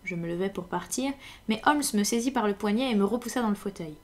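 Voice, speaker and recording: A woman reading a classic detective story aloud in French, with measured, attentive narration. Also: medium pitch. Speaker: audiobook reader.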